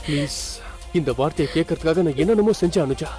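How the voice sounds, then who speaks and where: A man's voice: a little high, quick pace, a little mellow, faint music behind, lightly acted. A man playing a bitter, heartbroken young lover. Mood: bitter, accusing. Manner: pleading then bitterly accusing, emphatic. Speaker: actor in a TV serial. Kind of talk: dubbed TV drama dialogue.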